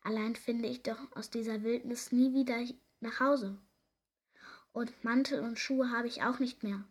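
A woman's voice: a little high, fairly even intonation, measured pace. A woman voicing a portly, bewildered king who sounds worried and hesitant. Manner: hesitant, stammering.

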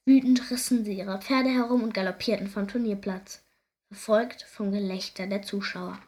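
Reading aloud at a moderate pace, this woman brings a children's story to life in an expressive way, using a medium-pitched voice.

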